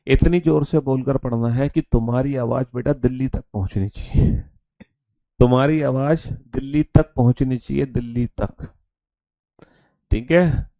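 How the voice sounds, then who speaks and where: Gravelly male online teacher coaxing students. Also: mid-range voice, mellow, no echo. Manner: repetitive, coaxing, calls students beta; chants letter mnemonics slowly aloud.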